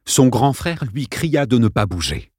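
A man's voice: mid-range voice, big pitch swings, measured pace, darkish tone, slightly rough, dry recording, studio quality. A man narrating an audiobook in a dramatic, suspenseful reading style.

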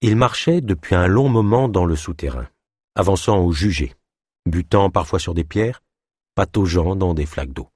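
A man narrating a novel as an audiobook in a measured, expressive manner. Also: low voice, slightly rough, no room sound, studio quality. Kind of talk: audiobook reading.

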